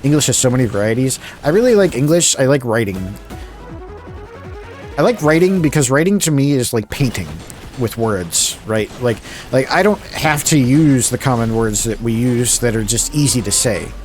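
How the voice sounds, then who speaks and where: A man from the suburbs, chatting casually on a live stream, mumbling a little, talking fairly slowly and rambling with restarts. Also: medium pitch, expressive, darkish tone, faint music behind. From Philadelphia suburbs, USA.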